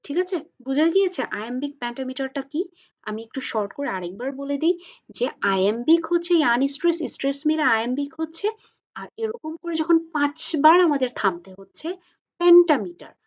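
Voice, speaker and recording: Female lecturer, slightly high voice, stretches her examples out slowly; muffled lo-fi recording. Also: expressive. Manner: patient, asks and answers her own questions; slows and stretches English examples. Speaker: English lecturer. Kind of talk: explanatory lecture.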